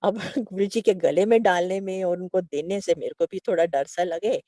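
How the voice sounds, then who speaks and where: A middle-aged woman, sharing a devotional testimony in a lively storytelling way, acting out quoted dialogue. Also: on the low side, normal speed, no room sound, studio quality.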